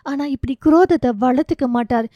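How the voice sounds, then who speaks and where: A woman voicing a hurt, bitter middle-aged wife and mother who speaks in a measured, reproachful way. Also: high-pitched, dark tone, no echo, dull audio, close to an everyday voice.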